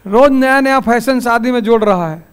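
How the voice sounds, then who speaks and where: A male teacher, lecturing a class in a lively storytelling manner and turning stern about the class rules. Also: very high voice, normal speed, clean tone.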